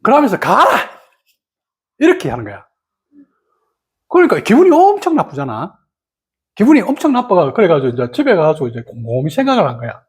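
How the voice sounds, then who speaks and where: A meditation teacher telling a story in a dharma talk, animated and full of fillers. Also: quick pace, long pauses. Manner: animated storytelling, many fillers, sudden pitch leaps.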